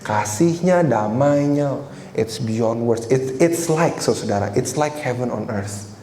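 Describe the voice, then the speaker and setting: A man's voice: medium pitch, expressive, slow, crowd noise. A man in his twenties giving a conversational sermon, telling a personal story and often turning to address the congregation. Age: 20s. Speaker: preacher. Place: church hall. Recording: echoey church hall with faint noise.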